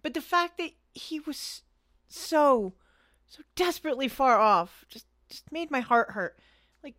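A young woman with a slightly high voice tells stories in a blunt, salty, exasperated way. The sound is close and dry, with no room around it. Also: sharp tone, no echo. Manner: blunt, profane, exasperated storyteller. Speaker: co-host and rideshare driver. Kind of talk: casual storytelling chat.

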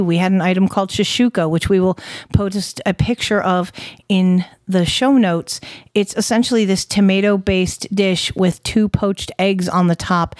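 A woman's voice: mid-range voice, darkish tone, no room sound. A woman with a Southern US accent co-hosting a podcast, telling stories casually in an emphatic, folksy, sweary way. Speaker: podcast co-host. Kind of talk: casual conversational storytelling.

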